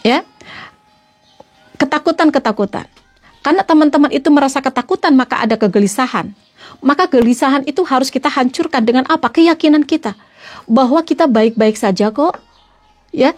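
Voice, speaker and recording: A woman preacher giving an earnest religious talk to her followers online. She repeats points and often calls her listeners friends. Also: high-pitched. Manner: stops briefly to answer greetings from comments. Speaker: female Islamic preacher (ustazah).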